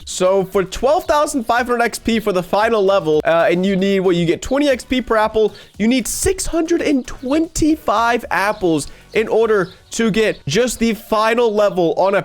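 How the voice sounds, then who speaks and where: A man hosting a gameplay video, talking to his viewers in a chatty, upbeat way with a stuffy nose from a cold. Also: high-pitched. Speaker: gaming channel host. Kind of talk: gameplay commentary.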